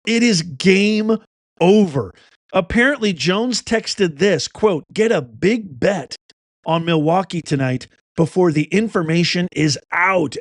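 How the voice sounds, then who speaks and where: A middle-aged man hosting an opinionated commentary, reading news reports aloud and breaking in with blunt, animated asides. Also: fairly high pitch, no room sound, clean studio sound. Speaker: host.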